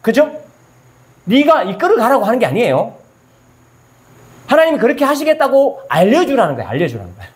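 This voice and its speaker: A man's voice: very high-pitched, wildly swooping pitch, a little fast, long pauses. A male pastor preaching a sermon. He asks his listeners questions and answers them himself, and he acts out scripture in casual everyday speech.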